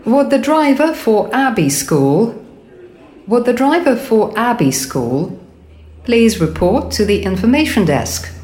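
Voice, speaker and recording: A woman's voice: fairly high pitch, very animated, slow, darkish tone. Woman acting as echoey airport PA announcer. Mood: formal. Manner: formal, repeats each message. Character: formal female airport announcer paging passengers. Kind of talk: public address announcement.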